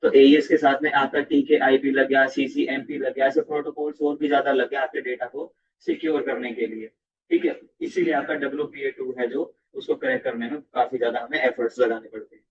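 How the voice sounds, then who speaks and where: A man teaching a networking lesson in a loose classroom style, often pausing to check in with the listener as he goes. His voice sits at an average pitch. It sounds dull and lo-fi, picked up from some distance off the mic. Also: slightly rough. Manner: repeats "theek hai" and addresses the viewer constantly.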